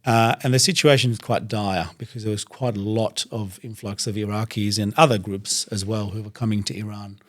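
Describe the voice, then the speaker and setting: A young adult man from Iraq, a native Arabic speaker, talking as a guest in a studio interview in a thoughtful, measured way, often pausing to gather his words. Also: lowish voice, steady tone, fairly bright tone. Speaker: guest, doctor and reciter. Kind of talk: conversational interview.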